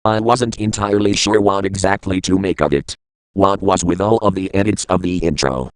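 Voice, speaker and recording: A man's voice: deep voice, fairly even intonation, moderate pace, dry recording, low-quality recording. A man reading a scripted creepypasta as a first-person narrator. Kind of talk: scripted horror story narration.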